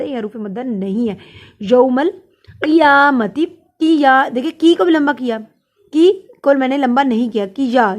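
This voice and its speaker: Woman teaching Quran recitation, high voice. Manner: explains each sound, then recites it drawn out; patient, step-by-step. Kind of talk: tajweed lesson with slow recitation.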